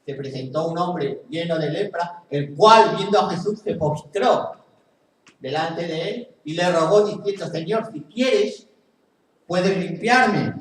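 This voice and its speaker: A man with a Spain Spanish accent preaches a sermon in a church hall, his voice sitting a little high for a man. The recording is very echoey and picked up from a distance, with faint room noise behind him. He leans on repetition, saying key phrases twice over. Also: a little slow. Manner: repeats phrases for emphasis, earnest preaching. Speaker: pastor. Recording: very echoey hall, mic far off.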